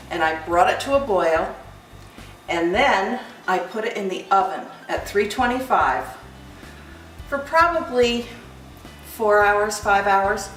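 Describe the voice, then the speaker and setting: A woman hosting a cooking demonstration, explaining each step in a chatty, unhurried way. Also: mid-range voice, far from the mic. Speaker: cooking host. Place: kitchen. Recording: echoey kitchen, from afar, light music.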